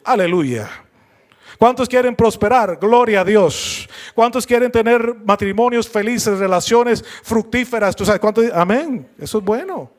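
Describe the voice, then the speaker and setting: A man's voice: high voice, measured pace. A male pastor preaching a sermon, calling out to the congregation for responses and slipping in joking asides.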